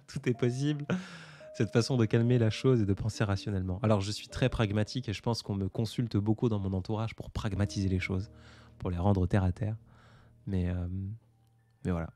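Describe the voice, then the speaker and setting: A man's voice: fairly low pitch, steady tone, a little fast, mellow. A man in his twenties hosting a casual live stream, answering viewer comments in a hesitant, reflective way with many fillers. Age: 20s. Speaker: livestream host.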